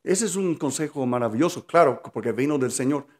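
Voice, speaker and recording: A man's voice: medium pitch, animated, brisk. A man hosting a podcast interview, affirming his guest and following up on her points. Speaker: podcast host, pastor.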